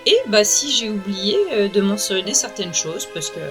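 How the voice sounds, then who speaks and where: A middle-aged woman narrates a video game review as its host. Her voice sits at a medium pitch, and music is clearly heard behind her. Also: lively intonation, normal speed.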